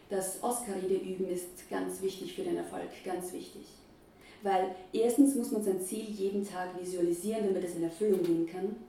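A woman reading first-person scripted narration as a lively, nervous inner monologue. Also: medium pitch. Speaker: audiobook narrator. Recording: roomy, distant, faint hiss.

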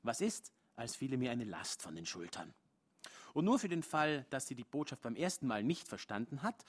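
A man reading a translated story aloud at a live literary event, keeping the rhythm restrained and measured. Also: mid-range voice. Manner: restrained, measured reading with rising intensity in dialogue.

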